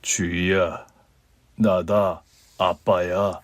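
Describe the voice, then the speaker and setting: A man voicing a callous, dismissive middle-aged father who talks in a gruff, grumbling way. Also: flat delivery, drawn-out words, dry recording. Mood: hesitant. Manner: gruff, grumbling, low-voiced.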